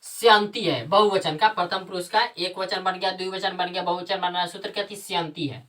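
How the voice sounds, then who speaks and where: A woman's voice: on the low side, fairly even intonation, brisk, a bit bright, recorded from a distance. A woman teaching Sanskrit grammar, who asks the class questions, answers them herself and repeats the key terms. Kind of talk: classroom lesson with call-and-response questions.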